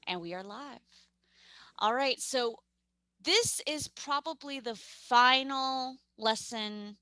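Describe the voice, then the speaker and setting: Young new york teacher lady on a video call, upbeat and chatty, super bright voice. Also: high-pitched, takes it slowly, dry recording. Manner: upbeat, chatty, self-correcting. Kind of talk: online math lesson.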